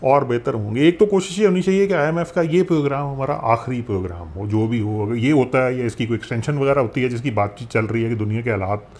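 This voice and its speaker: A man with a Pakistani Urdu accent explaining economics in a conversational way, animated and sprinkling in English phrases. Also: medium pitch, quick pace, few pauses. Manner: animated, mixes English phrases, frequent fillers. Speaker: economics commentator.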